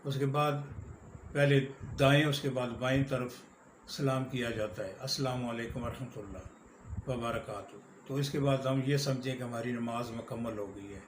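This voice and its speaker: A man's voice: mid-range voice, a little hiss or hum. Man teaching prayer in an echoey room. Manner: explains plainly, then recites Arabic slowly and melodically. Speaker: religious teacher. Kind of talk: prayer instruction with recitation.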